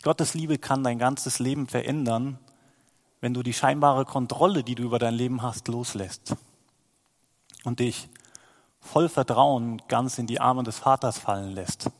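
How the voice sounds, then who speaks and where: A man delivers a sermon in an earnest, inviting tone, now and then breaking into fervent bursts. His voice sits at an ordinary mid pitch. The sound carries a long reverb, as in a church hall. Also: fairly even intonation, a little slow. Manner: earnest, rising to fervent exclamations. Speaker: preacher.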